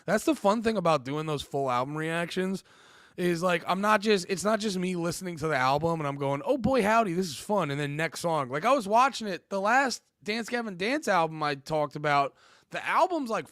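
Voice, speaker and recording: A man co-hosting a casual podcast, a bit hoarse from losing his voice, talking in an animated way and swearing often. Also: high-pitched, normal speed, no room sound, studio quality. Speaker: podcast co-host.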